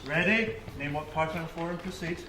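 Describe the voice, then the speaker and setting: A man playing a boastful, hammy male weaver in a stage play, booming and grandiose. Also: moderate pace, bright, forceful tone. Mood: eager. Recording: echoey hall, faint noise.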